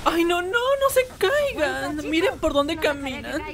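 A woman's voice: very high-pitched, sing-song, measured pace, noisy background, full character voice. A woman voicing Whis, a timid, fussy male angel in a comic fan animation, sighing and shrieking in fright. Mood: panicky excited. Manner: camp, sighs "ay" constantly, shrieks when scared. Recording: game music playing behind the voice.

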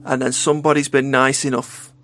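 A man's voice: medium pitch, level tone, brisk, fairly bright tone. A man hosting a podcast interview, speaking in an easygoing, reassuring way in casual chat. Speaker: podcast host.

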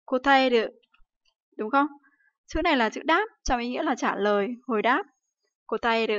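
This Vietnamese teacher runs a Japanese livestream lesson at a brisk pace, her voice a little high and a bit bright with lively intonation. She leans on rhetorical questions and lots of fillers, and the audio is dry and slightly dull.

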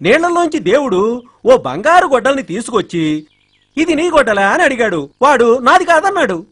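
An earnest village gardener telling a simple tale with a husky voice and a lively, swooping pitch. He narrates with patient, plain sincerity. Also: normal speed, full character voice. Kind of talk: comedic film dialogue.

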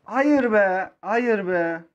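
A high-voiced young man from Turkey calls his own mobile football match live, dropping to low grumbles and then bursting into shouts. The sound is muffled and lo-fi. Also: drawn-out words. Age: 20s. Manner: excitable, swings between low muttering and shouting.

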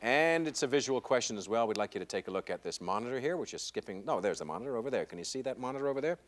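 A man in his thirties hosts a television game show. His medium-pitched voice swings widely up and down, and his manner is wry and conversational, with ad-libbed asides. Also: expressive, very fast. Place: television studio. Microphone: lapel mic.

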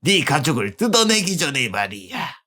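A streamer voicing a sinister, mocking gentleman villain in a video game, gloating and taunting theatrically like a mustache-twirling villain. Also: mid-range voice, big pitch swings, moderate pace.

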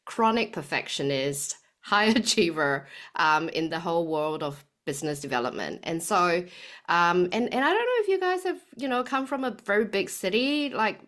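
A health coach in her forties from Singapore chats as a guest on a podcast interview, using frequent fillers. She has a Singaporean accent with a slight New Zealand tinge, and her lowish, slightly bright voice is animated at a moderate pace.

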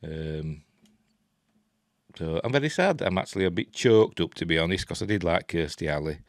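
His low voice has lively intonation and a normal pace, and the studio-clean recording carries no echo. The host of a film and TV news vlog, he's a Yorkshire man in his sixties giving relaxed, hesitant, wandering commentary from a small cluttered room indoors at home.

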